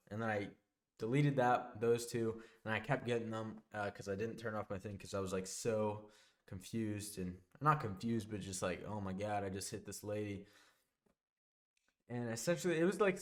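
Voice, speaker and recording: A young man telling a casual storytime monologue, rambling and backtracking, often dropping into quieter asides. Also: fairly low pitch. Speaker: vlogger.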